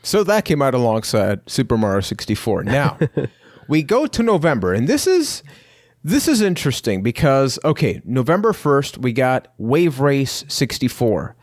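A man's voice: medium pitch, sing-song, moderate pace, dry recording, clean studio sound. A man from Puerto Rico hosting a casual podcast, upbeat and playful, joking with his co-hosts. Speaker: podcast host.

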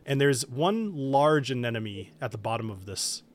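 A man running a tabletop game as game master, describing scenes in a relaxed way with many fillers, over an online call. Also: medium pitch, moderate pace, a little hiss or hum.

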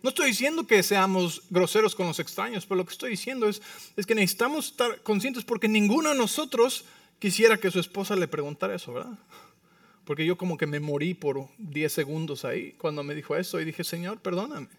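Lively, high-voiced pastor preaching. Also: male voice, brisk, no echo, distant mic. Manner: lively, humorous storytelling with frequent tag questions. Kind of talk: sermon. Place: church sanctuary.

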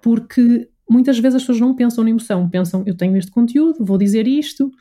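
Her pitch is fairly high and her pace fairly quick, yet the tone stays mellow as this European Portuguese-accented communication and voice coach answers interview questions. She explains conversationally and articulately, often enumerating her points.

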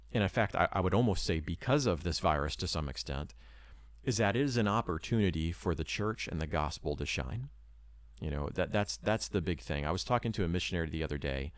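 An earnest man with a deep voice who talks in loose, rambling sentences full of hedges. He speaks casually beside his wife about moving abroad as a missionary. The recording is dry and close. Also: no echo. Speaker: missionary preparing to move abroad. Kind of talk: casual talk to camera.

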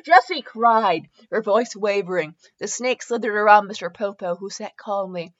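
A woman podcast host reads fan fiction aloud for comedic drama, getting giggly, tripping over words and pausing to add comments. She speaks at a moderate pace with a medium pitch, and the recording sounds slightly dull and lo-fi.

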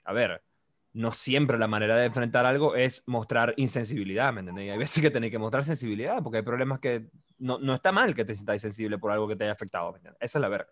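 A young man with a Venezuelan accent rattles along at a quick clip in a loose, profane podcast chat. He keeps tossing in "you know?" checks, and his pitch sits right in the middle. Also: a bit bright, no room sound. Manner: rapid, swearing, tag questions. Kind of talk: casual chat.

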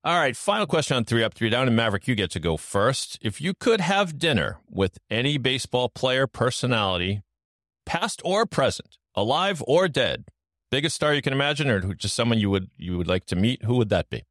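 A man's voice: medium pitch, big pitch swings, a little fast, fairly bright tone, no room sound, studio quality. A man hosting a casual podcast, asking quiz-style questions in an upbeat, joking way. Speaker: podcast host.

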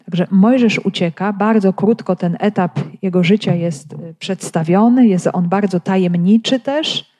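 A woman with a warm, mellow voice explains a Bible passage verse by verse. She talks thoughtfully, stopping now and then to search for the right word. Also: mid-range voice, a little slow. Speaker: Bible commentator. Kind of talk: reading and explaining scripture.

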